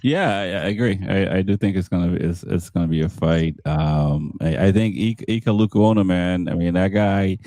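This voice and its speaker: A man hosting a casual motorcycle-racing panel chat, talking haltingly with lots of fillers and restarts. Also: deep voice, mellow, no room sound. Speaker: podcast host.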